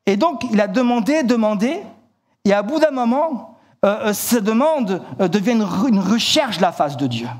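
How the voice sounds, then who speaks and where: Male preacher with a high voice, vivid storytelling, repeats himself, church sermon. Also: moderate pace. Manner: animated storytelling, acts out shouted lines; repeats words, stumbles and restarts.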